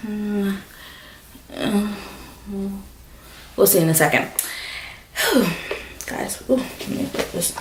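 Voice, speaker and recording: Fast-talking young woman, bubbly and rambling. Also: medium pitch, slight background noise. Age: young adult. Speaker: beauty vlogger. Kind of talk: casual chatty vlog. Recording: roomy echo.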